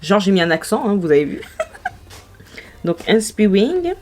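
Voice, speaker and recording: A woman's voice: on the low side, a little slow, soft background music. A young woman vlogging makeup swatches, gushing and exclaiming over each shade in casual chat. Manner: gushing, exclamatory, marvelling aloud. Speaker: beauty vlogger.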